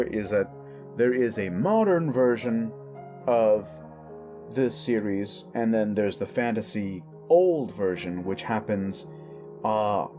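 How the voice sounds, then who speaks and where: This man hosts his own audio channel and delivers a rambling, enthusiastic, casual outro. His voice is lowish and mellow.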